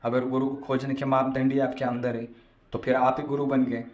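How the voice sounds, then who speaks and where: A man's voice: mid-range voice, little pitch movement, moderate pace, a little mellow, lo-fi sound. A man giving a devotional discourse as a spiritual storyteller, explaining and repeating phrases for emphasis. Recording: echoey room sound.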